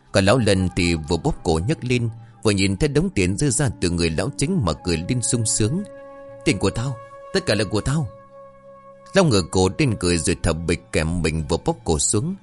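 A man reading a horror story aloud as scripted narration, in a dramatic, expressive way. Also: deep voice. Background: faint music.

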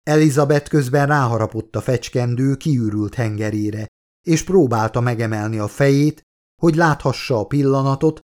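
A man narrating his own book as an audiobook, with steady, measured storytelling. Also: medium pitch.

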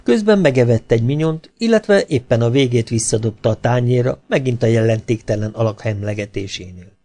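Mellow-voiced male audiobook narrator. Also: mid-range voice, animated. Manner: ironic, storytelling delivery with rhetorical questions. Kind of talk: scripted narration of a humorous novel.

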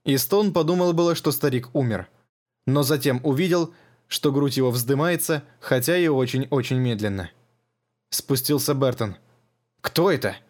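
A man reading an audiobook as narrator, in a measured, even manner. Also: mid-range voice. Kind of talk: scripted narration.

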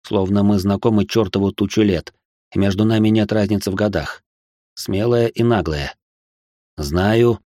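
A man with a low voice reads a first-person novel aloud. His delivery is stern and clipped in the dialogue, and the recording is dry and close. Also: steady tone, normal speed, warm tone, no echo. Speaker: audiobook narrator.

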